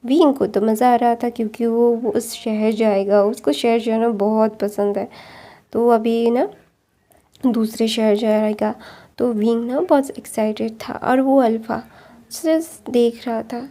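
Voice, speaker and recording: A woman narrates a long story in a loose, chatty way, filling pauses and restarting her sentences. Her voice sits fairly high but barely moves in pitch. The tone is dark and mellow. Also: fairly even intonation. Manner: rambling, many fillers and restarts.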